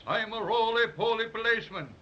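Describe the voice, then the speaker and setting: A man's voice: high-pitched, a little fast, natural voice. An actor playing a round, stubborn, self-important policeman with a brogue, in a 1930s radio drama. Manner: blunt, drawling, self-important. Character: round stubborn roly-poly policeman, male. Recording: dull lo-fi old radio recording.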